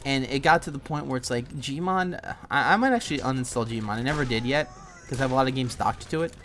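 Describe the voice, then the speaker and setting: A man's voice: mid-range voice, quick pace, fairly bright tone, slight background noise. A man chatting casually while playing a video game, rambling with frequent restarts and plenty of swearing. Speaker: gaming streamer.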